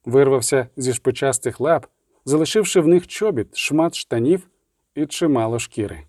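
A man narrating an audiobook with vivid, measured storytelling. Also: medium pitch, animated, darkish tone, dry recording, studio quality.

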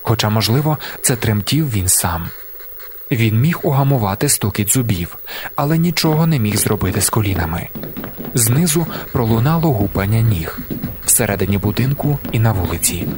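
A man narrating an audiobook in a measured, deliberate way, slowing down for emphasis. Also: lowish voice, lively intonation, noisy background. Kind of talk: scripted narration.

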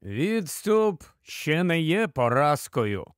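A man voicing a wise male centaur who speaks calmly and philosophically, in an audiobook. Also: fairly high pitch, slow pace, no room sound, clean studio sound. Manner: calm, philosophical.

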